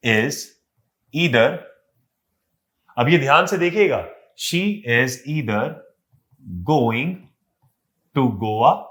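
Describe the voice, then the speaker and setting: A man with a fairly bright, high-leaning voice and an Indian accent teaches an online exam-prep lesson mixing Hindi and English. He explains step by step, asking questions and answering them himself.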